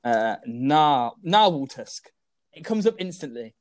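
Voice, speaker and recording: A man co-hosting a casual sports podcast, excitable and teasing as he trades jabs. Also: fairly high pitch, slow, no echo. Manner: excitable and teasing, shouting names. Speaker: podcast co-host.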